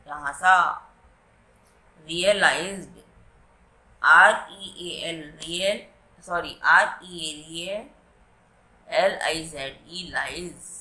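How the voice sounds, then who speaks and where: A woman's voice: lowish voice, bright, forceful tone. A woman teaching English to children in Hindi, spelling out words letter by letter and translating each phrase. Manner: addresses children directly, slow deliberate reading of English. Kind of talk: bilingual classroom lesson explaining vocabulary and reading. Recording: echoey room.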